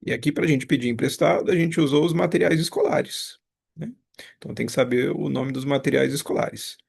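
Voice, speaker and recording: A man's voice: mid-range voice, brisk, gravelly, a little mellow, breathy edge. A man teaching a casual review lesson. He talks patiently, explains step by step and repeats each example. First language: Portuguese.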